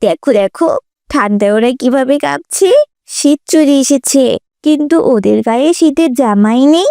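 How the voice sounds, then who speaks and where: Woman doing a stuck-up spoiled cartoon girl, bragging and sneering, high. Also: moderate pace, warm tone, dry recording, studio quality. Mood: snobbish. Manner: boastful and sneering. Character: spoiled snobbish schoolgirl. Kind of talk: animated cartoon voice acting.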